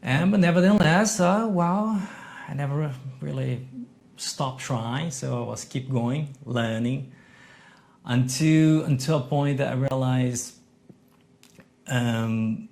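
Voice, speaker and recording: A middle-aged man from Brazil, a podcast guest talking about his entrepreneurial past in halting, with frequent restarts. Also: medium pitch, gravelly. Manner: non-native English, halting restarts, lively emphasis. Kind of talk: conversational interview.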